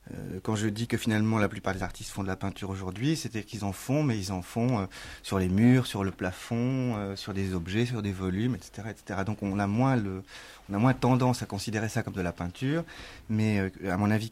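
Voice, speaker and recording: A man with a fairly low voice speaks as a guest on a radio panel. He explains at length, thinking aloud with many fillers and repeated words. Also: darkish tone. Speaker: guest, art-center co-director.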